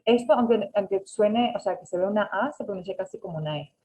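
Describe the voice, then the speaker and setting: Over a video call with poor audio, a woman teaches an English class, speaking fast in a mellow, mid-range voice. She corrects students patiently and mixes in English as she gives online instruction.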